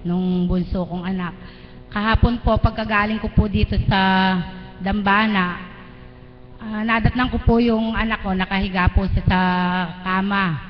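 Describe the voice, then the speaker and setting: A middle-aged woman giving a live spoken testimony before a church gathering, earnest and deferential as she retells events step by step. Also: medium pitch. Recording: dull lo-fi livestream audio in a reverberant hall, faint noise.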